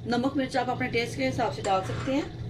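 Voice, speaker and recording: A woman with a fairly high voice talks a home cook through a recipe, one steady step at a time. Her delivery is calm and unhurried, with short blessings dropped between the steps. Clear background noise sits under her voice. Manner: calm, steady instructions with frequent religious blessings. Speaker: cooking channel host. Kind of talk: step-by-step cooking voice-over. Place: home kitchen.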